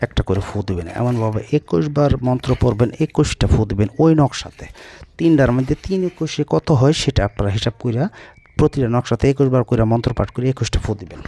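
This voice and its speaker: A fast-talking man with a lowish voice, speaking as a folk healer in an instructional video. His delivery is blunt and scolding, and he slows down to chant spells. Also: darkish tone.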